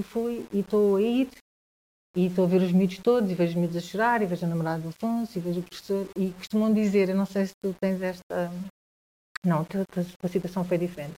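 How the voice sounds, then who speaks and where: Soft-spoken European Portuguese woman. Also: medium pitch, steady tone. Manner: halting, with frequent restarts and repeated words. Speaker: guest. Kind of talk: personal storytelling in conversation.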